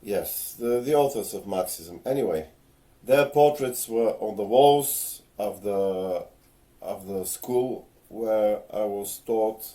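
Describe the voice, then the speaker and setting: A man's voice: on the low side, slow pace, dark tone. A man from Bulgaria, a little tipsy, ranting earnestly and lecturing at home, with hesitant fillers. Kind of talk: casual on-camera rant. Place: home, in front of a ring light.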